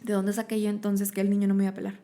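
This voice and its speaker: A woman's voice: medium pitch, completely flat delivery, very fast, mellow. A woman from Monterrey, Mexico, with a Mexican Spanish accent, speaking as a guest in an interview. She talks expressively, with many fillers and tag questions. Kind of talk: conversational interview storytelling.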